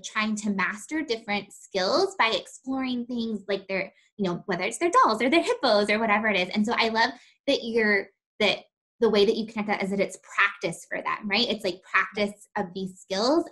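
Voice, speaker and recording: A woman hosting an interview, affirming her guest, with many ums and sort-ofs. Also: mid-range voice. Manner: warmly affirming, lots of "um" and "sort of". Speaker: host. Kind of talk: interview conversation.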